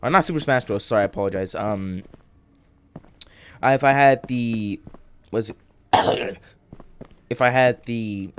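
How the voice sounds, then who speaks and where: A man's voice: mid-range voice, clear, resonant tone. Groggy young man rambling over gameplay. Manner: rambling, halting, many fillers and restarts. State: groggy morning voice. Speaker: gaming channel host. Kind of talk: casual let's-play commentary.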